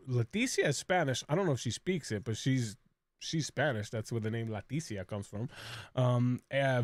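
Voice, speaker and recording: A man's voice: medium pitch, no echo. A man co-hosting a casual recap show, talking in a chatty way and laughing often mid-sentence. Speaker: podcast co-host.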